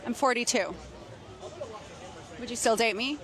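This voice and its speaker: A woman's voice: on the high side, measured pace, a bit bright, some chatter behind. A woman in her forties doing a street interview outdoors, asking questions. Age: 40s. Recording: noisy street recording from far off.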